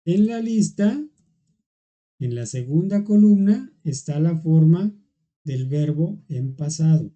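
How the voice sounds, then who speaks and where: Through a muffled recording comes an English teacher's very dark, mellow voice at a medium pitch, with lively intonation. Speaking slowly and patiently, the teacher explains grammar to an online class step by step and checks in frequently.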